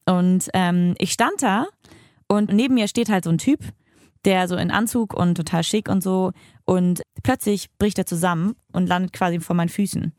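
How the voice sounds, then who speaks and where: A woman's voice: on the low side, normal speed, darkish tone, no echo, clean studio sound. A woman hosting a podcast, telling stories in a blunt, emphatic way and swearing freely. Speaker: podcast host. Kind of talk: casual chat.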